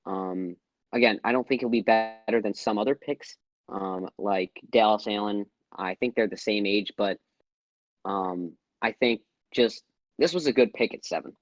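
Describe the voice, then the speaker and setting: A man's voice: lowish voice, measured pace, dry recording. A man on a panel giving confident, enthusiastic opinions in casual talk. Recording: dull lo-fi mic.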